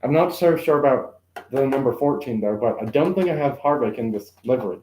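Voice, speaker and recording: A man's voice: medium pitch, expressive, a little fast, a little mellow, echoey room, a little hiss or hum, poor audio. A man hosting a casual live stream, commentating on toy car games and unboxing, rambling with many self-corrections and an occasional cough. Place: room at home.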